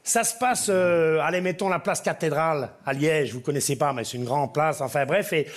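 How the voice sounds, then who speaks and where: A man's voice: a little high, normal speed. A man telling jokes on stage, rambling with digressions. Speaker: stand-up comedian. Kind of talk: live joke-telling.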